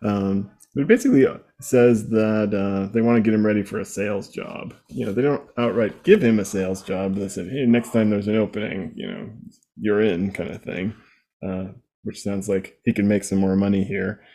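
A man's voice: lowish voice, normal speed, warm tone. A man co-hosting a podcast, giving a wry, conversational recap of a comic book. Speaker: podcast co-host.

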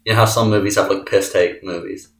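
A man's voice: low-pitched, steady tone, fast, vocal fry, a bit bright, slight background noise. A man co-hosting a podcast, casually joking and riffing on silly ideas. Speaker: podcast co-host. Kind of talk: casual chat. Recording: echoey room.

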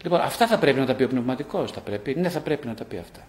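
Speaking live to an audience in an echoey room, a middle-aged psychologist and author repeats short phrases and poses rhetorical questions. His mid-range voice is animated and a little mellow, with a slight hiss or hum.

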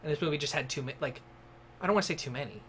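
A man's voice: on the high side, racing, fairly bright tone, slight background noise. A young man co-hosting a movie podcast in casual, rambling chat, laughing easily. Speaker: podcast co-host.

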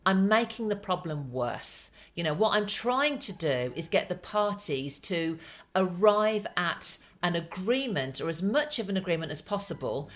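A middle-aged woman, a family law solicitor hosting a podcast, explaining things in a calm, measured way. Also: lowish voice. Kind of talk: casual podcast chat.

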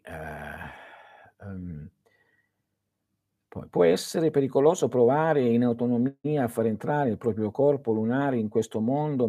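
A middle-aged man talks to his livestream viewers in a low, slightly husky voice. His pitch jumps around as he gets animated, and he often restarts his sentences. The sound is dry and close, with no room echo. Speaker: livestream host answering viewer questions. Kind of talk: casual esoteric livestream talk.

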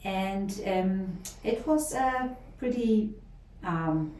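Speaking with lively intonation and a warm tone, this middle-aged woman from Poland keeps a medium pitch and a very slow pace. She's a professor with a Polish accent in an interview conversation, answering thoughtfully amid many fillers and restarts. The mic sits a bit distant in a roomy space, catching faint ambience and slight hiss or hum.

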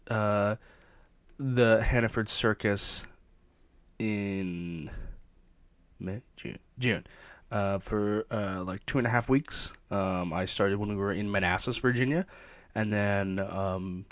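Rambling, jokey man with a low voice. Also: no room sound. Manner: rambling, jokey, lots of fillers. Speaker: podcast host. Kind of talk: casual chatty podcast intro. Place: his trailer behind an amusement park.

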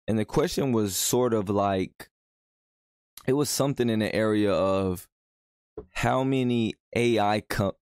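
A young man hosts a solo podcast in a loose, conversational flow, often tossing in "you feel me". His voice sits fairly low with a gravelly fry. The sound is dry and close, with no room around it. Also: darkish tone, no room sound. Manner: laid-back, conversational, frequent "you know what I'm saying". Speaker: podcast host. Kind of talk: casual solo podcast monologue.

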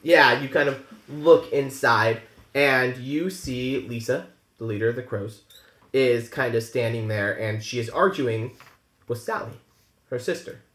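A man's voice: mid-range voice, a bit bright. Guy narrating a tabletop rpg, lots of ums, kinda echoey. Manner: halting, lots of fillers and laughs. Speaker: game master.

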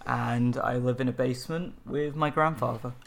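Young male podcast co-host, 20s, jokey and laughing, gravelly tone. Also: medium pitch, steady tone, normal speed, a little hiss or hum. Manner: joking, laughs often. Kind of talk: casual chat.

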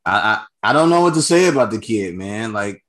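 A man co-hosting a boxing chat show, bantering in a relaxed way with joking slang. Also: fairly low pitch, a little fast. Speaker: boxing podcast co-host. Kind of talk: casual sports chat.

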